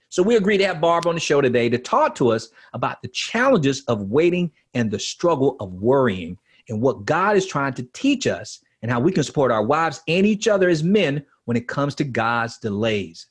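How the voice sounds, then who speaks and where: Male host for motivational podcast; lively, emphatic, slightly rough-edged voice, scripted delivery. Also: mid-range voice. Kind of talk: upbeat scripted podcast hosting.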